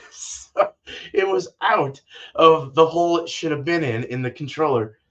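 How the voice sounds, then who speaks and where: This homebrewer, somewhere in his fifties or sixties, chats laid-back on his livestream from a cramped home brewing room, cursing often and tossing in "dude" and "man." His pitch sits fairly high, with a bright, forceful tone at an unhurried pace, though the audio is muffled.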